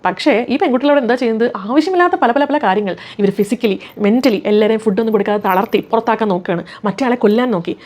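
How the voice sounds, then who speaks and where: A woman's voice: fairly high pitch, fast talker, few pauses, a little mellow. A woman giving opinionated commentary on a reality show, emphatic and often putting questions to her viewers.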